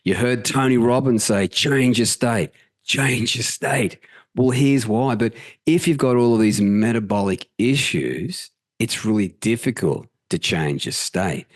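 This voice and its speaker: Deep-voiced man presenting health slides. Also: a little slow, no room sound. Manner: energetic, swears casually, mimics inner voices. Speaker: health channel host. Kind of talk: presenting slides, casual talk.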